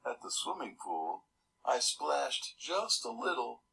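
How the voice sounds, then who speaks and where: A man's voice: medium pitch, huge pitch swings, slow pace, vocal fry, sharp tone, poor audio. A man reading a children's storybook aloud, adding casual, chuckling comments between pages. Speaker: storybook reader.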